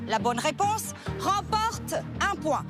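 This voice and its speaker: A woman's voice: very high voice, very animated, slow. A woman hosting a game show, announcing the rules in formal, emphatic phrases. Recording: very loud music over the voice.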